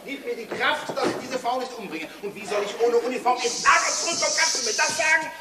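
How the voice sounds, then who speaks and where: A flustered farce officer. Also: male voice, extremely high pitch, fast. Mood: exasperated. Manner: fussy and exasperated, shouting at times. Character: flustered man caught in a farce, hiding his uniform. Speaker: army officer posing as a vicar in a stage farce. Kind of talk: stage comedy performance. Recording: echoey stage from far off, noisy, audience laughter.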